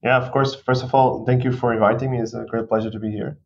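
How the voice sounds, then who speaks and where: A man's voice: medium pitch, level tone, fast talker. A man in his thirties from Portugal, a guest executive talking through his career in a podcast interview, thoughtful and given to restarts. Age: 30s. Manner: thoughtful, with restarts and non-native phrasing. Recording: dull lo-fi sound.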